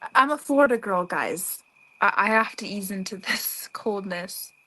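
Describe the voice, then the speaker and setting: American woman in her twenties, middle pitch, animated storyteller on a live Q&A. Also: normal speed, low-quality recording. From United States. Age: 20s. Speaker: livestream co-host. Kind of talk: casual livestream chat.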